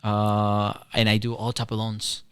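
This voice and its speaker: A man's voice: fairly low pitch, completely flat delivery, unhurried, clear, resonant tone, dry recording, studio quality. A man from Colombia with a Colombian Spanish accent, a radio guest talking loosely about loans with many "you know"s. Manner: easygoing, repeats "you know". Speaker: guest, loan officer. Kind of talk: casual radio interview.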